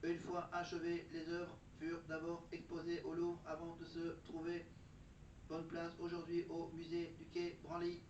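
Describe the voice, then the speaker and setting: A man putting on the flat, monotone voice of a chatbot robot while reading out facts, picked up far from the mic in a dull, noisy recording. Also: a little high, normal speed, reverberant, natural voice. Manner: even, mechanical reading of facts. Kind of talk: factual segment delivered as a robot.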